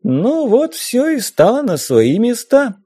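A man's voice: very high voice, huge pitch swings, takes it slowly, warm tone, breathy edge, no echo, pitched above the performer's own voice, full character voice. A man voicing a sly, pushy ghost pirate in an audiobook, in a raised sing-song voice.

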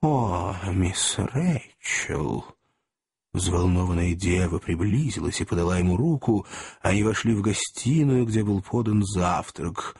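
An audiobook narrator reads a novel aloud in scripted narration, giving every character an expressive voice. His voice is low, husky and a little mellow, and he speaks at a normal speed.

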